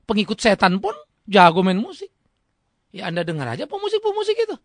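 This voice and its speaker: Animated high-voiced male pastor preaching. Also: fairly quick, dry recording, clean studio sound. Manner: colloquial, rhetorical questions, plays both sides of imagined exchanges. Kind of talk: sermon.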